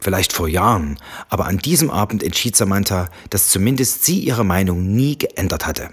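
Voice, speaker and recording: Low husky male audiobook narrator. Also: expressive, normal speed. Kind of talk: scripted narration.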